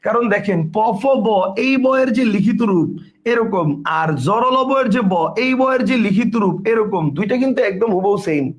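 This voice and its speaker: A man's voice: high-pitched, expressive, normal speed. A man teaching an exam prep class, explaining step by step and asking and answering his own questions.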